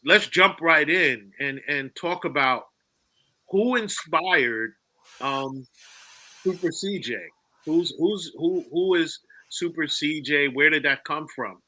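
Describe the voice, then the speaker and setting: A man's voice: a little high, sharp tone, no echo. A man hosting a live-streamed interview, upbeat and encouraging toward his guests. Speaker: host.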